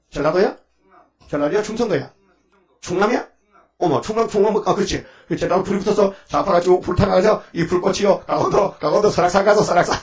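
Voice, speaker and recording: Man preaching in a heated, rambling way. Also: fairly high pitch. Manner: rambling, prods listeners with rhetorical questions; heated, scolding. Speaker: pastor. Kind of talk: dawn service sermon.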